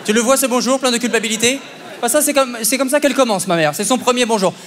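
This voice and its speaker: Speaking fast in an extremely high pitch, a young comedian performs stand-up at a festival, conversational and punchy and often asking "ok?". Audience laughter and applause ring out with long hall reverb through his stage mic.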